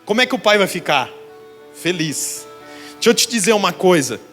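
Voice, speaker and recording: A man's voice: high-pitched, very animated, normal speed, a bit bright, soft background music. A Brazilian pastor in his church, preaching a sermon and telling a vivid illustrative story straight to the congregation. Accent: Brazilian Portuguese. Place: church sanctuary.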